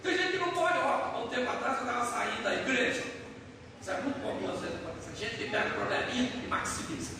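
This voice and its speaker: Humorous Brazilian preacher in an echoey church. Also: male voice, very high voice, quick pace, creaky. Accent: Brazilian Portuguese. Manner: storytelling, humorous, animated. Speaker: pastor. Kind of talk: sermon. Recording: echoey church hall, mic far off, noisy.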